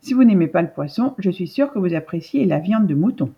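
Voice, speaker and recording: A woman's voice: on the low side, expressive, brisk, breathy edge, lo-fi sound. A woman voicing a polite, sly male village vet in a storybook.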